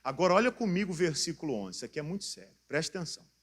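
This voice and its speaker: A man, preaching an animated sermon at an online church service. He swings between loud urging and soft, confiding passages. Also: fairly high pitch, racing. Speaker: pastor.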